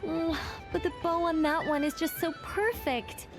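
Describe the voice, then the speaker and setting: A woman playing a dainty, fussy young woman in a video game, earnest and dreamy as she deliberates. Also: very high voice. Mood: earnest, torn. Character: dainty, fussy young woman who savors small choices. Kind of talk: video game character acting. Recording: music behind the voice.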